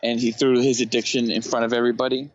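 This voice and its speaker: A man's voice: mid-range voice, little pitch movement, fast talker, slight background noise. A man co-hosting a casual podcast chat, joking and teasing his co-host. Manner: joking, teasing, laughs easily. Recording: dull lo-fi mic.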